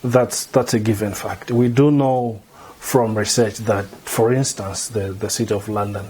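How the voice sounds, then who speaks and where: A middle-aged man from Malawi, a theology lecturer, answering interview questions in a measured way, often repeating words as he thinks. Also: fairly low pitch, steady tone, darkish tone, slight background noise. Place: indoor room before a banner.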